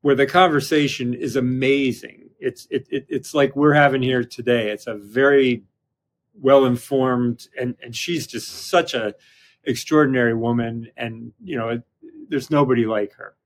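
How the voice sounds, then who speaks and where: A man speaking as an interview guest in casual conversation, halting and often restarting his sentences. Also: mid-range voice, fairly even intonation.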